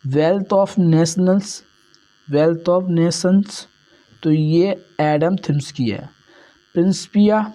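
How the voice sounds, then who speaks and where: A man leads an exam-prep lesson in a relaxed, mellow voice. He repeats each answer and keeps addressing his listeners as friends. The recording sounds dull and lo-fi. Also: a little high.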